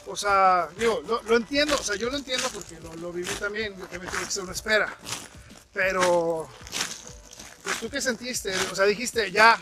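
A high-pitched male podcast host talks in a loose, chatty way, filling gaps with little hesitations and restarts. He is recorded outdoors on a winter walk, and a steady crunch of snow underfoot sits clearly under his voice. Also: moderate pace, background noise. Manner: chatty, frequent fillers and restarts. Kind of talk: casual interview chat.

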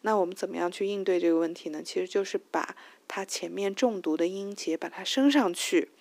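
A woman's voice: lowish voice, brisk, a little mellow, dry recording. A woman with a Chinese accent, native Chinese speaker, hosting a casual spoken English lesson, thinking aloud with many fillers and restarts and singing out stressed syllables to show rhythm. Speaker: host of language tips show.

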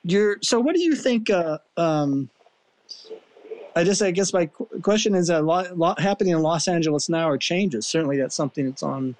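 A man's voice: a little high, moderate pace, a little mellow. A man hosting an interview podcast, asking rambling questions full of restarts and fillers. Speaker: podcast host. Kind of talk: casual interview chat.

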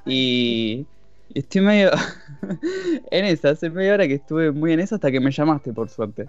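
A man's voice: on the high side, very animated, unhurried. Laid-back Argentine guy talking film. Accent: Argentine Spanish. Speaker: podcast guest. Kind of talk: casual chat. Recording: dull lo-fi dry audio, faint music.

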